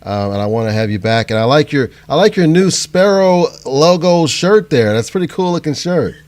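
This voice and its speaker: A man's voice: on the high side, lively intonation, fairly quick, a little mellow. A man hosting a live online panel, chatting in a friendly way over a video call and laughing easily. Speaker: host. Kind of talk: casual live panel chat.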